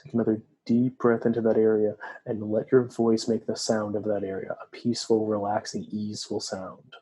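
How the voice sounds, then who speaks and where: Male meditation guide, mellow and breathy, calm soothing delivery. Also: lowish voice. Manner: slow, soft, soothing instructions.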